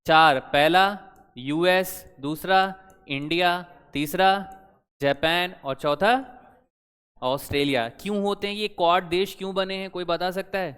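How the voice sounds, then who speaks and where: A man's voice: sits high, a little slow, fairly bright tone, clean tone. Man teaching in a reverberant hall. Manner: conversational, quizzing students with rhetorical questions. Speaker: current affairs teacher. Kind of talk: exam-prep lecture.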